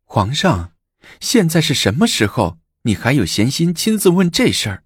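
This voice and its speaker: A man puts on a scheming empress for a storybook reading, his voice lifted higher and lively as she coaxes and commands. The sound is husky and close, with a dry, dead room. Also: moderate pace, dry recording. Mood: commanding. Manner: coaxing and commanding. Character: scheming shrewd empress, commanding young woman.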